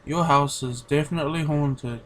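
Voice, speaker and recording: A man's voice: fairly high pitch, moderate pace. Rambling young-sounding male reactor. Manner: rambling, filler-heavy, laid-back. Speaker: reaction video host. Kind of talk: casual commentary.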